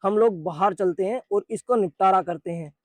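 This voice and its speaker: A foul-mouthed teenage bully who swaggers and sneers at everyone, as a man puts him on. The voice sits fairly high and sounds dry and close, with no room around it. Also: normal speed, a little mellow, no room sound, lightly acted. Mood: taunting. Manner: crude insulting taunts, then begging when hurt. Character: teenage male school bully, crude and boastful.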